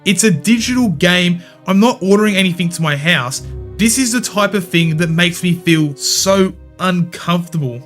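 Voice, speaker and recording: A man's voice: high-pitched, expressive, moderate pace, a bit bright, soft background music. A man hosting a gaming commentary channel, talking bluntly with opinions and casual swearing. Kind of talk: scripted video commentary.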